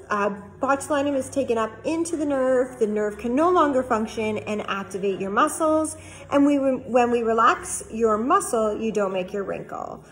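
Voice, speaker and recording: A woman's voice: a little high, low-quality recording. A woman doctor explaining cosmetic treatments to camera in a friendly, plain-spoken way, using everyday comparisons.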